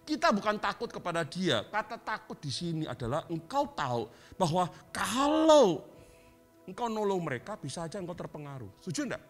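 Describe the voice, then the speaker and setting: A male pastor preaching a sermon with lively storytelling, acting out quoted dialogue. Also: high voice, a little fast, soft background music.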